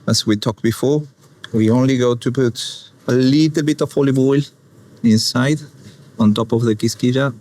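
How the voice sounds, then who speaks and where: A man from Argentina speaking English with an Argentine Spanish accent, calmly talking a viewer through a cooking demonstration. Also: mid-range voice. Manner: unhurried, plain non-native English with calm explaining. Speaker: chef.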